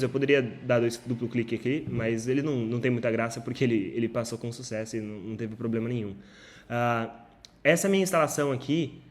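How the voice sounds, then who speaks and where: A man's voice: medium pitch, darkish tone. A man giving a casual screen-share tech tutorial, with many filler sounds and self-corrections. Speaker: instructor.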